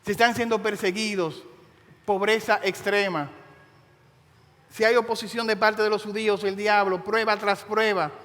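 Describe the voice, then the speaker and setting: A man preaching a sermon, telling a story with dramatic, emphatic pauses. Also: high-pitched, steady tone, fairly bright tone, long reverb tail. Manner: impassioned, dramatic storytelling with slow emphatic phrases.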